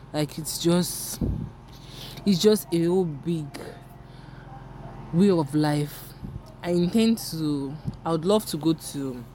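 A young Nigerian woman whose first language is Yoruba hosts her own podcast, speaking Nigerian-accented English in a rambling, candid, self-deprecating solo chat. Her voice is low-pitched and warm, with slight background noise.

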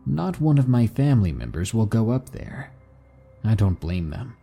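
A man narrating spooky stories in a slow, hushed, dramatic way. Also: on the low side, big pitch swings, vocal fry, breathy edge, faint music behind. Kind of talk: scripted story narration.

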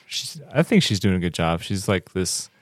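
A man's voice: sits low, sing-song, moderate pace, no room sound, clean studio sound. A man casually chatting as a podcast co-host and player, laid-back and joking, with trailing phrases. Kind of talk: casual chat.

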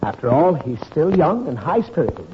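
An evasive husband in a vintage radio comedy, stalling with every excuse. His raised voice bounces up and down. The sound is lo-fi with clear hiss. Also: fairly high pitch, big pitch swings, normal speed. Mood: sheepish. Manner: hesitant, evasive. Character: sheepish husband caught out late, fumbling alibis. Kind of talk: 1940s radio acting. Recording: muffled old radio recording with audible hiss.

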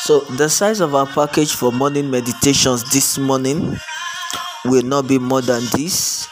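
A man's voice: mid-range voice, fairly even intonation, measured pace, over music, rough recording. A man with a Nigerian accent preaching a devotional message, emphatic and repeating lines for stress. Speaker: preacher and host. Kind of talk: devotional sermon with blessings.

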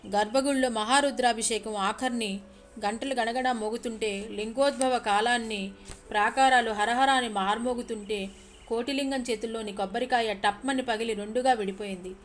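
A woman narrating a story in an expressive, emotional way. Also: on the high side, normal speed, slight background noise.

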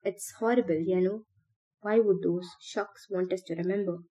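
A woman's voice: lowish voice, steady tone, moderate pace, mellow, slightly rough, dull audio. A woman reading aloud, voicing a troubled, confused teenage boy in a strained, pleading tone. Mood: haunted.

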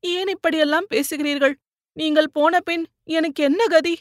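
A woman's voice: high voice, fairly even intonation, moderate pace, dry recording, studio quality, pitched above the performer's own voice, close to an everyday voice. A woman voicing an anguished, pleading wife. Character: distraught wife pleading with her ailing husband.

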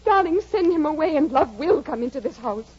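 A desperate, unloved young wife. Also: female voice, high-pitched, lively intonation, brisk, a little mellow. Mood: pleading. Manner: pleading, anguished. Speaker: Isabella. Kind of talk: 1940s radio acting. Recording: dull old radio broadcast.

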